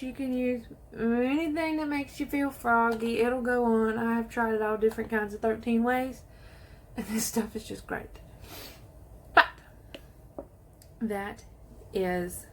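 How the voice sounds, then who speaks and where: A woman chatting excitedly to viewers while she does her makeup in a casual tutorial. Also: on the high side, slight background noise. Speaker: beauty vlogger.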